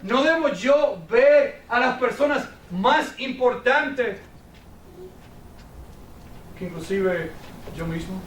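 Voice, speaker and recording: A man preaching a sermon as a pastor, asking rhetorical questions and dropping to quiet, intense phrases. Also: very high-pitched, roomy sound, recorded from a distance, a little hiss or hum, poor audio. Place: church sanctuary.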